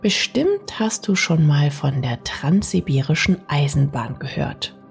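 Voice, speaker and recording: Soft whispery lady doing a sleep story narration, really slow and soothing, bit of music behind. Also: sits low, lively intonation, gravelly. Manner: soft, soothing, partly whispery, addressing the listener intimately. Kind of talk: scripted bedtime sleep story narration, guided relaxation.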